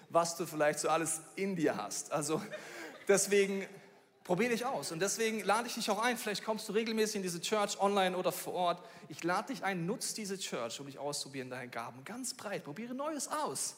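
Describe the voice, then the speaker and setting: A man from Bavaria preaching, telling a funny personal story in a lively, animated way. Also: high voice, a little fast. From Bavaria, Germany. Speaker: pastor. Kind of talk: sermon with a storytelling style. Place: church hall. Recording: reverberant church hall.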